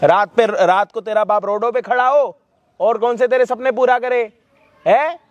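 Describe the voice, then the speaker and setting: High-voiced man scolding harshly. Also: steady tone, moderate pace, no echo. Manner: scolding, abusive and mocking. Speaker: host. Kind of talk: staged street confrontation.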